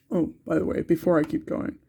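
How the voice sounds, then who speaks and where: Fairly high in pitch, this young man's voice is gravelly, husky and warm. Congested from a cold, the art channel creator narrates a relaxed vlog as he sketches, hesitating often with ums and restarts.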